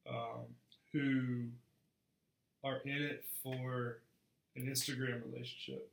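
Young male co-host, earnest and frank, middle pitch, echoey room. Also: little pitch movement, takes it slowly, gravelly. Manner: earnest, frank, repeats words when starting sentences. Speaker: podcast co-host. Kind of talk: casual faith podcast chat.

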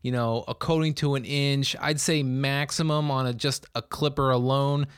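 A man hosting a weather podcast, talking in a relaxed, conversational way with plenty of fillers. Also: medium pitch, moderate pace, clean tone, no room sound, studio quality. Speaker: meteorologist podcast host. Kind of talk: casual chat.

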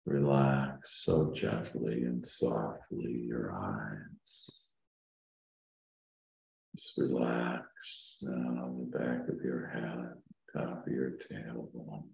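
Very deep, calm meditative man, slow. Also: vocal fry, roomy sound, muffled recording. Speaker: guided meditation leader. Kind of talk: guided meditation.

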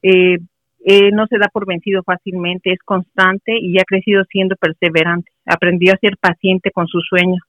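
A woman's voice: on the low side, little pitch movement, normal speed, no room sound. A middle-aged woman from Mexico City, a guest in a casual interview, speaking earnestly and encouragingly. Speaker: interview guest, mother of a player. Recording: muffled, dry recording.

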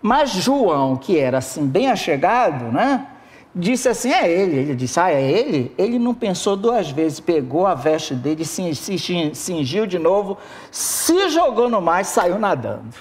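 A preacher giving an expressive sermon and speaking right to the congregation. The voice sits at a middling pitch and leaps up and down with lively intonation. The delivery stays warmly engaged with the listeners throughout. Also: a little slow. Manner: expressive, addresses the congregation directly.

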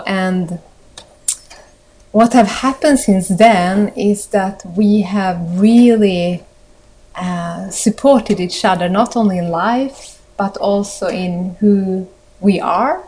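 A woman from Sweden with a Swedish accent, hosting a podcast and speaking in a thoughtful, gentle way with frequent pauses. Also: mid-range voice, low-quality recording. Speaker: podcast host. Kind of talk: reflective interview talk.

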